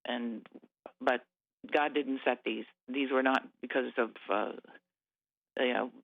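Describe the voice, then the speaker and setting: A man calling in to a radio show over the phone, talking in an agitated, halting way with many fillers and restarts. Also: medium pitch, steady tone, creaky, dry recording. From Nova Scotia. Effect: radio show caller on a phone line. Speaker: caller. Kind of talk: agitated call-in talk. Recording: tinny phone line.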